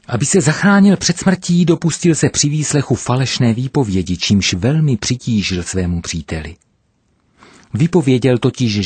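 A man narrating a first-person story in an earnest, measured way. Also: on the low side, a little mellow, husky, no room sound.

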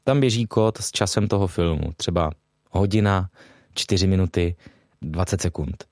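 Interviewed as a guest, a voice actor speaks hesitantly in a low, darkish voice, full of fillers and restarts. The recording is studio quality with no room sound.

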